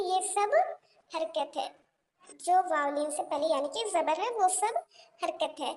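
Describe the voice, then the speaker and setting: Woman, Quran reading teacher, very high voice, slow drilled syllables, patient corrections. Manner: patient, repeats corrections to students. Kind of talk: online tajweed lesson.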